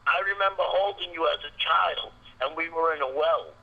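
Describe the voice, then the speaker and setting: A man calling in to a talk show over a phone line that keeps breaking up, speaking haltingly and repeating his words. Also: a little high, gravelly. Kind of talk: casual phone call. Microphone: telephone.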